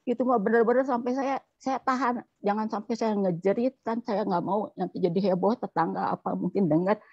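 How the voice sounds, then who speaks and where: A woman's voice: mid-range voice, warm tone, breathy edge, no echo, muffled recording. A woman in an online class sharing a personal testimony, telling it in an emotional, rambling way over a video call.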